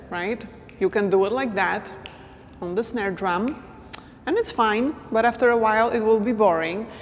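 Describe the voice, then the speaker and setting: A woman's voice: mid-range voice, a little hiss or hum. Woman teaching dance in a reverberant room. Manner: counts beats softly while demonstrating. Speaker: dance instructor. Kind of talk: casual instructional talk.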